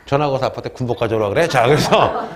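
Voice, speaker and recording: A man's voice: mid-range voice, racing. A man teaching a history class in a classroom, joking with students and asking questions he answers himself. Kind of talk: classroom lecture.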